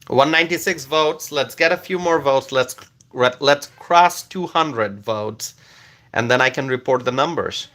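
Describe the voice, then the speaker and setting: Speaking a little slowly in a medium, slightly bright voice, a native Bengali speaker hosts a laid-back live stream. He reads viewer comments aloud, thanks people by name, and uses lots of fillers.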